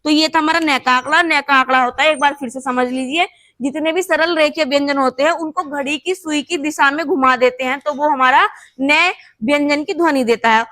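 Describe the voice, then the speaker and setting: At normal speed and in a high-pitched, sharp tone, a woman explains shorthand while writing on the board, with a dry recording. She patiently goes over each step again and checks with her students by asking "thik hai."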